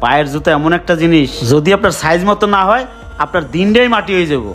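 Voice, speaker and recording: Earnest young man, high and quick, pleading, soft music bed. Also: expressive. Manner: pleading, earnest, rural colloquial speech. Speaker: poor father buying shoes, then closing speaker. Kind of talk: amateur social drama acting.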